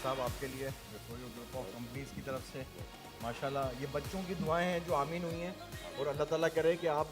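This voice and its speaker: A man with a mid-pitched voice speaks as a sponsor guest on a TV set. He talks formally and fills his words with blessings, while clear music plays behind him. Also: level tone, moderate pace. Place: TV studio set.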